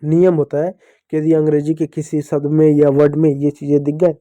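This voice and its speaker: A man's voice: on the high side, level tone, a little fast, mellow, no room sound. A man teaching children English reading, explaining step by step and often asking them questions. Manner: repetitive questioning, addresses children directly. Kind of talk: explanatory classroom lesson.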